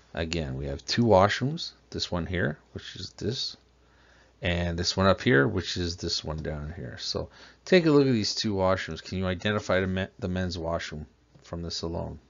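Animated and gravelly, a deep-voiced man moves at a moderate pace through a slideshow plumbing lesson. The instructor patiently breaks things down step by step and questions the listener, heard as a dull lo-fi voice-over.

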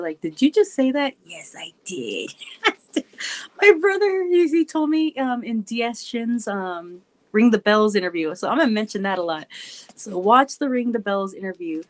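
A woman's voice: mid-range voice, poor audio. A woman who laughs often and talks in a goofy, chatty way, answering her viewers' questions. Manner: chatty with many fillers. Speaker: wrestler vlogger answering fan questions. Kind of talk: casual chat to viewers.

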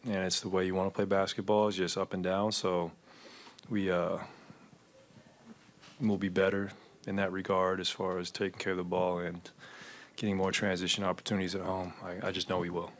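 In an arena press room after the game, a thirties-aged male basketball player fields questions at a desk microphone. His tone is level, and he stays measured and low-key, often using fillers.

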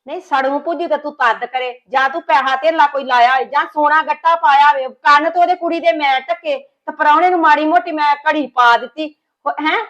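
A woman plays a sharp-tongued older mother, lecturing her family with a clearly high voice. The figure is a mother-in-law in a village family drama, scolding rather than pleading. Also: fairly even intonation, brisk, highs cut off.

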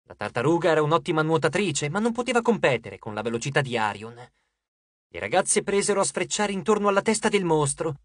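An audiobook narrator giving a lively, dramatic scripted reading on a close studio mic. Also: mid-range voice, brisk, no echo.

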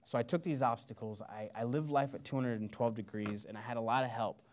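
A man from Missouri giving a motivational talk, telling a story with animated quoted voices. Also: mid-range voice, a little fast, a little hiss or hum. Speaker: guest speaker. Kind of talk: motivational speech. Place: lecture hall before an audience.

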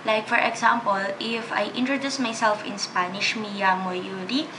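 A Filipina vlogger in her twenties chats casually to a camera set close in front of her as she sits in her small bedroom. Her mid-range voice has fairly even intonation and normal speed, and she switches freely among English, Tagalog and Spanish against background noise.

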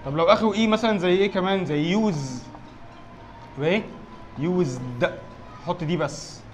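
A man's voice: sits high, moderate pace, soft background music. A man with an Egyptian Arabic accent teaching an exam review lesson, asking questions and answering them himself and often checking that his students follow. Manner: quizzes himself aloud, keeps checking with "alright?". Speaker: English teacher.

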